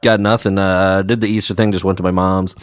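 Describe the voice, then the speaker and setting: An American man chatting casually on a podcast, his voice gravelly from a chest cold. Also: low-pitched, little pitch movement, fairly quick, dry recording, clean studio sound. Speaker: podcast host and stand-up comedian. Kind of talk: casual chat.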